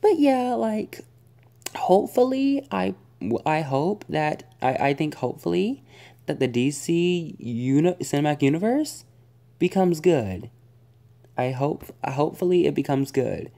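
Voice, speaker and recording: A woman's voice: deep voice, lively intonation, unhurried, gravelly, mellow. A young woman vlogger giving a casual spoken movie review, rambling and exasperated, full of fillers and groans.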